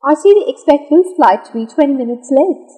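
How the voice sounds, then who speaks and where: A woman reading the lines of a scripted English lesson dialogue, slowly and with careful enunciation. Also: sits high, animated, mellow, big-room sound. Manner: slow, careful, clearly enunciated delivery.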